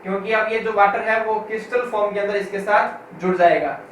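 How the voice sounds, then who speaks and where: A male school chemistry teacher lecturing a class. His voice sits high, and he asks questions and answers them himself. The sound is very echoey and comes from a distance across the room. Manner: reads English textbook lines slowly, word by word. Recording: echoey room from far off, with faint noise.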